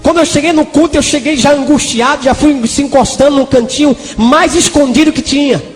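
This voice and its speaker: A man's voice: very high voice, fairly quick. A Brazilian man preaching a testimony sermon with fervor, breaking into cries of hallelujah and bursts of tongues. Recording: reverberant hall with faint background music.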